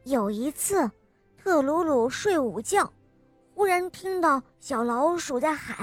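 A woman narrating a children's story in a gentle, expressive voice and speaking directly to young listeners. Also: sits high, slow pace, faint music behind.

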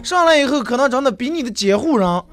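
Male radio host, high and animated voice, chatty storyteller, faint music underneath. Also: fast. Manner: chatty storyteller who acts out the people he quotes. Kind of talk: casual radio talk monologue.

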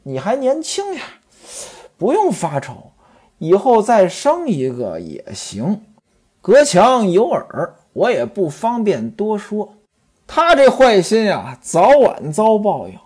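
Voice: medium pitch, huge pitch swings, slow pace, a little mellow, husky, heavily acted. A storyteller voicing a spiteful young concubine who complains bitterly in a storybook tale. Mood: soothing. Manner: bitter, gossiping.

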